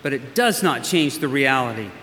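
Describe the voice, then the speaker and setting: A man preaching a sermon as a pastor, earnest and emphatic, with slow pauses for weight. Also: mid-range voice, animated, fairly bright tone. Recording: long hall reverb, faint hiss.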